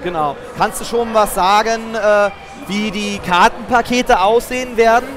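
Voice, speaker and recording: A man's voice: high voice, measured pace, a crowd in the background. A man in his thirties giving casual live commentary and asking questions as a show host. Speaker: game show host and player. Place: open booth at a games convention. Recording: noisy trade fair hall.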